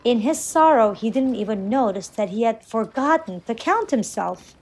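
A woman's voice: a little high, poor audio. A woman volunteer reading a children's picture book aloud with expression. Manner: expressive, slow read-aloud.

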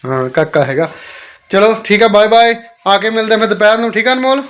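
A man's voice: sits high, brisk, a bit bright. A man with a Punjabi accent filming a casual family vlog, playfully calling out to his kids and pets. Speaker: family vlogger, father.

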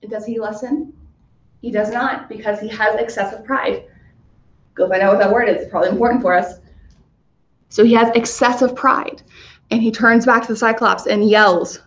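A woman teacher talks her class through a story in a chatty, casual way, full of fillers. Her voice sits a little high. The sound is muffled and echoes around the room. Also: fairly even intonation, moderate pace.

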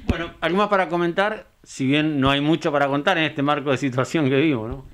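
A man's voice: fairly high pitch, quick pace, a bit bright. A man interviewing a guest for local TV with an Argentine accent, recapping points in brief remarks, his voice caught off-mic. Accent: Argentine Spanish. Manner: brief affirmations and summing up. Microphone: off the handheld mic, held toward guest.

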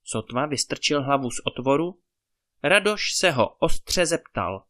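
A man reading a fairy tale aloud as a storyteller, in calm, measured narration. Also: fairly high pitch.

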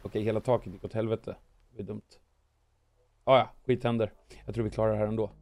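A man hoarse from weeks of coughing, giving playful gameplay commentary as a gaming video host and narrating his moves with comic sound words. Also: on the low side, level tone, darkish tone.

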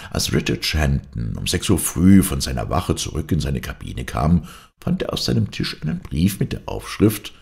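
A man reading a classic adventure novel aloud as an audiobook narrator, in a measured, deliberate storytelling manner. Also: extremely low pitch, creaky, darkish tone. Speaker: audiobook reader. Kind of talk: scripted narration.

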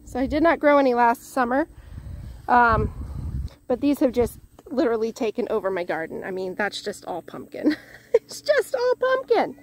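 A woman's voice: fairly high pitch, normal speed. A woman from Northwest Illinois giving a casual, cheerful tour of her vegetable garden outdoors, a little out of breath and talking while walking. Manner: cheerful, thankful, chatty with many restarts. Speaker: home gardener vlogger.

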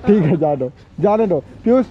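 A man's voice: sits high, expressive, fairly quick. A man hosting a joking street vlog, teasing and questioning people pushily. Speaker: vlogger host. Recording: dull lo-fi phone audio, loud crowd.

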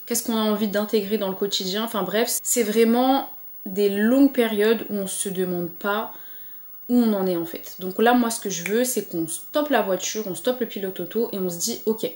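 Woman vlogger, mid-pitched voice, encouraging casual talk to camera, roomy echo on the recording. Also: normal speed, a little mellow. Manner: chatty and encouraging, with frequent fillers. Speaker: lifestyle vlogger. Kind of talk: casual motivational chat to camera.

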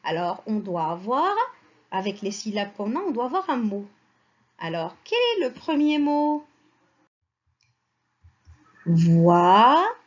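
A woman teacher slowly reading words and syllables aloud for young children. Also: fairly high pitch, sing-song, muffled recording. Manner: slow, syllable-by-syllable, sing-song teacher voice.

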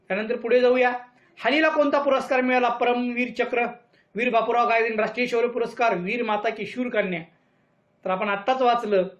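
A man's voice: very high-pitched, a bit bright, highs cut off. A male teacher going through a worksheet, reading the questions and choices aloud and calling the viewers his friends. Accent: Marathi. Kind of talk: worksheet explanation lesson.

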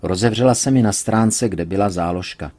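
A man reading a serialized novel aloud in measured, even scripted narration. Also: on the low side. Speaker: reader.

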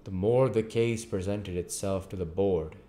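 A man reading a classic novel aloud at a measured pace, with the occasional stumble. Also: deep voice, mellow, a little hiss or hum. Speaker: audiobook reader.

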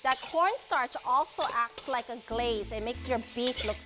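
In a large home kitchen, a woman in her thirties demonstrates a recipe on her cooking show, speaking a little slowly in a fairly high voice and explaining each step in a friendly way. A lapel mic records her over a noisy background of music and sizzling.

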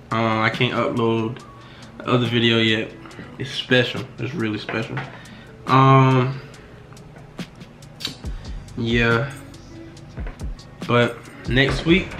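A twenty-year-old man talks to a camera on his desk in a small wood-paneled room. His speech is laid-back and reflective, full of slang and trailing pauses. A beat plays clearly underneath, and the voice sits at an ordinary middle pitch. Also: a bit bright, reverberant. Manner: laid-back slang, keeps saying "you know what I'm saying". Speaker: vlogger. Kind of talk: casual to-camera vlog. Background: background music.

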